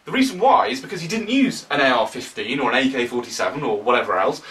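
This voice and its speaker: A young man with a British accent giving animated, opinionated commentary to camera, often sarcastic. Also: medium pitch, fast talker, distant mic, low-quality recording. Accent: British English. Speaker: political vlogger.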